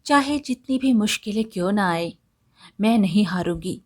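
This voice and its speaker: A woman's voice: medium pitch, animated, moderate pace, darkish tone, close to an everyday voice. A woman voicing a tired but determined young village daughter-in-law in a storybook tale, speaking in a pleading way. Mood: weary.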